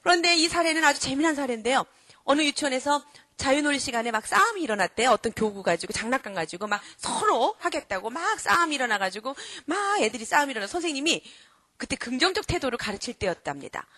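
A middle-aged woman giving a lively lecture to an audience. She quizzes her listeners and acts out children and parents as she goes. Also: sits high, quick pace, no echo. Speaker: character-education lecturer.

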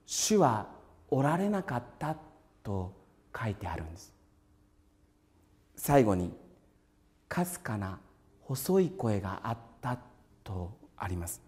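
A man preaching a calm, measured sermon in a steady voice, sometimes dropping to a hushed whisper. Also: mid-range voice, in a large hall. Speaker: pastor.

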